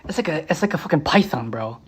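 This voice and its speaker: A beatboxer and musician chatting casually on a livestream, repeating titles slowly and humming melodies. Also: medium pitch, animated, slightly rough.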